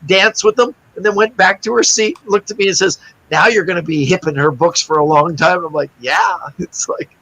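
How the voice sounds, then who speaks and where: Over poor audio comes a high-pitched voice at a moderate pace, belonging to a middle-aged man. He's a magician on as a guest, telling a casual interview story with energy and imitating the others' quoted words.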